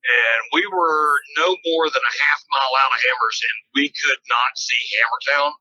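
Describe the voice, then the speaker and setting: A man with a harsh, raspy, hoarse voice chatting casually and animatedly, slangy and sweary, telling stories. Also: on the high side, animated, moderate pace, bright, forceful tone, dull audio. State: hoarse from desert dust. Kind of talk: casual storytelling chat.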